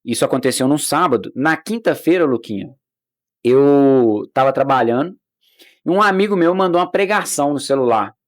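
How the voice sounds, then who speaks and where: A middle-aged Brazilian man, a podcast guest, sharing his personal faith testimony in casual conversation, telling it as an animated story full of restarts and acted-out dialogue. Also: mid-range voice, moderate pace. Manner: animated storyteller who acts out quoted dialogue; frequent restarts and filler words.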